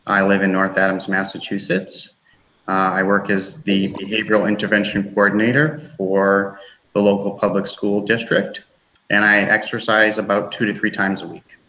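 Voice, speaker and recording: A man's voice: fairly low pitch, flat delivery, moderate pace, bright, forceful tone, slight background noise. A man gives a class presentation, reading steadily from a script. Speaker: graduate student presenter. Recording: roomy, muffled recording.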